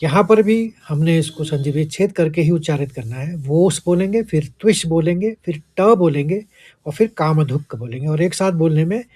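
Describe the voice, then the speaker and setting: A man teaching a Sanskrit verse, chanting it slowly and breaking each word down syllable by syllable in careful pronunciation coaching. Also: on the high side, animated, dark tone. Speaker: Gita teacher. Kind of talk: recitation lesson with word-by-word explanation.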